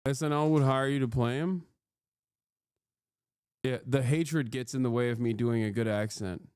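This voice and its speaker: A man's voice: mid-range voice, steady tone, moderate pace, darkish tone, clean tone, no room sound, studio quality. A man giving casual live-stream commentary on clips, sarcastic, mocking and freely cursing.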